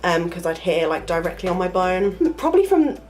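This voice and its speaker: This university student vlogger has a lowish, slightly mellow voice with a sing-song lilt, and she talks briskly. She's a young adult telling a casual story to camera, sounding nasal and congested from the flu and rambling with lots of fillers.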